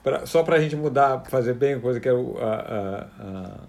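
Halting man with a Rio de Janeiro accent. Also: mid-range voice, creaky, darkish tone. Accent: Carioca (Rio de Janeiro). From Rio de Janeiro, Brazil. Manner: halting, stammering, circling back on words. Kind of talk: casual comedic chat.

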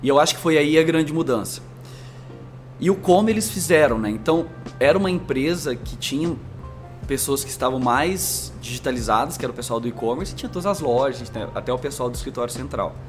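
A male guest with an interior São Paulo accent and a rolled caipira R tells long, flowing stories at a middle pitch. He talks in a relaxed conversational way. Faint music plays underneath. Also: fairly quick. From Brazil, Minas Gerais, raised in interior São Paulo. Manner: animated storyteller, long flowing anecdotes. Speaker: marketing executive guest. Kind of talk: conversational storytelling.

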